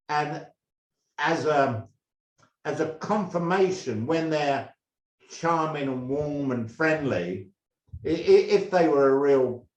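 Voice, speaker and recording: An older man from England, a former drummer, telling stories in a halting, rambling way with many restarts. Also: mid-range voice, lo-fi sound. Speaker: guest, former band drummer. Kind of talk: casual interview storytelling. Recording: roomy echo.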